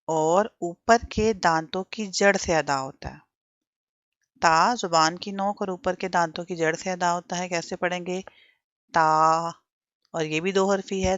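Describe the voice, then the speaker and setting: धीमी, धैर्यवान महिला शिक्षिका. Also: female voice, fairly low pitch, fairly bright tone, dry recording, highs cut off. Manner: patient, drills learners with repetition and questions. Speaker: Quran teacher. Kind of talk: slow, repetitive teaching of letter sounds.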